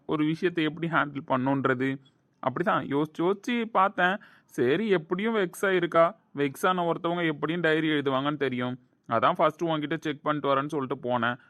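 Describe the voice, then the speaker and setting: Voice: medium pitch, dry recording, clean studio sound, close to an everyday voice. A performer playing a teasing, boastful young man bantering with his friends in an audio drama.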